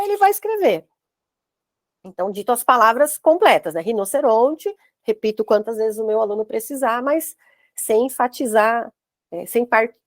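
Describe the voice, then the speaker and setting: On a video call, a course instructor from Brazil walks teachers through her material step by step, her Brazilian Portuguese speech full of "né?" tags. She sounds a little high, and the recording is dry and studio quality.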